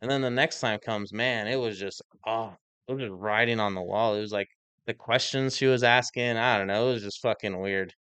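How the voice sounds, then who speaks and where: Man, young adult, casual podcast chat, swears a lot, smooth clear voice, dry close sound. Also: on the low side, fairly quick, dry recording. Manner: profane, animated storytelling. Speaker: podcast co-host.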